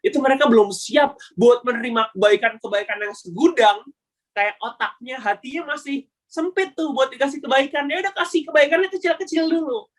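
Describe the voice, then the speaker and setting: A young man giving a casual webinar talk, slangy and animated, acting out the voices of people in his story. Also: very high voice, brisk. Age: young adult. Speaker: webinar speaker.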